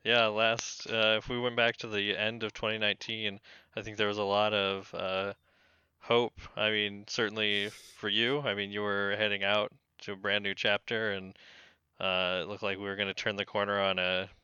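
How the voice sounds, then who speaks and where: Male podcast co-host, wry and joking, tin-can remote audio, dry and lo-fi, low-ish voice. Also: little pitch movement, normal speed, pushed and bright, smooth, no room sound. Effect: tinny tin-can sound from remote recording. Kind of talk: casual chat. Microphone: remote call setup. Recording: dull lo-fi remote call audio.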